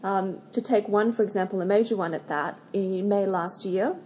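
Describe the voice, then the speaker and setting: A woman hosting a podcast, asking prepared interview questions in a measured, formal way with occasional ums. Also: mid-range voice, a little mellow, slight background noise. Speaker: podcast host.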